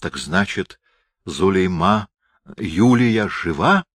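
A man's voice: low voice, lively intonation, slow, fairly bright tone, no room sound, studio quality, exaggerated voice. A man reading a stern, solemn knight. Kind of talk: audiobook character reading.

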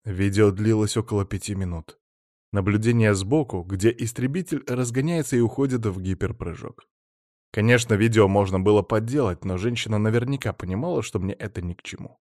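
A man narrating a science fiction audiobook in first person, measured and even. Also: lowish voice, dry recording, clean studio sound.

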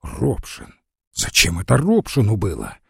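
A man voicing a polite male visitor who asks tactful questions in a soft voice. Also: fairly low pitch, wildly swooping pitch, unhurried, creaky, husky, dry recording, studio quality, exaggerated voice.

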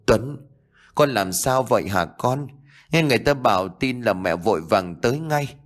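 A man's voice: mid-range voice, expressive, moderate pace, lightly acted. A man voicing a worried mother asking after her son in a ghost story. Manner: anxious, fretting.

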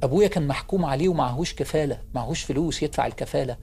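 A man with an Egyptian accent voicing a stern male tax officer in a story, in a low, hushed and grave tone. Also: rapid-fire, slightly rough, soft background music. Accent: Egyptian Arabic.

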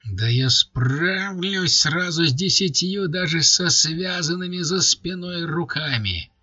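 A man voicing a burly red-haired brute whose boastful voice climbs into a shrill squeal. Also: slow pace, bright, forceful tone, breathy edge, no echo, muffled recording, exaggerated voice. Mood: squealing bravado.

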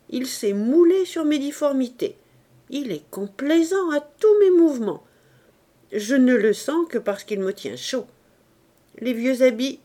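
Easygoing young man in an audiobook, read by a woman: cheerful, warm, unhurried. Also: high voice, pitched above the performer's own voice. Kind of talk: audiobook character reading.

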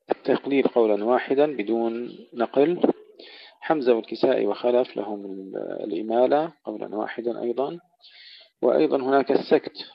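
A man teaching Quran recitation rules, explaining variant readings and slowing down to recite example verses. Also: mid-range voice, gravelly. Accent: Arabic. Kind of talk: tajweed lesson with recited verses. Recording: dull, dry lo-fi audio.

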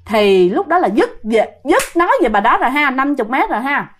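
A young woman with a high voice narrates a ghost story in a loose, conversational way. She chats straight to her listeners and slips briefly into the voices of the people in the tale. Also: very animated, brisk, slight background noise. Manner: chatty, retells a listener's story with acted quotes of the girls. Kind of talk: casual spoken storytelling.

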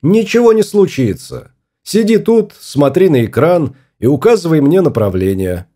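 A fussy, obstinate husband on a small spaceship, read by a man in his own voice, grumbling over a lost trifle. His voice sits fairly high with lively swings and a mellow, dark tone. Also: moderate pace. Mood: stubborn.

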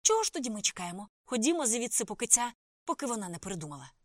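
A woman's voice: a little high, sing-song, very fast, dry recording, clean studio sound, pitched above the performer's own voice. A woman doing a brash, impatient young woman. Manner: loud snapping outbursts.

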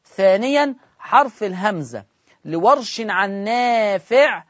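A man with an Egyptian accent teaching Quran recitation in a broadcast lesson, asking his listeners questions and answering them himself, and drawing out words slowly to demonstrate them. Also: high-pitched, lively intonation, no echo. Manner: demonstrates recitation in slow drawn-out sounds. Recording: dull lo-fi broadcast audio.

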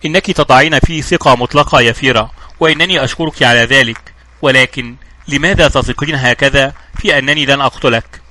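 A man reading the lines of a sardonic, suspicious male adventurer in a calm, mocking tone. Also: medium pitch, fast talker, slight background noise, close to an everyday voice. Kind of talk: audiobook dialogue reading.

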